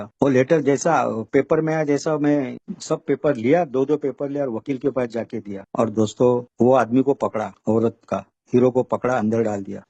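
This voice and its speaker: A man's voice: on the high side, a little mellow, dry recording. A man sharing his recovery story at an online meeting. He talks in a rambling way and keeps repeating "bola" and "doston". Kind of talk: personal recovery testimony.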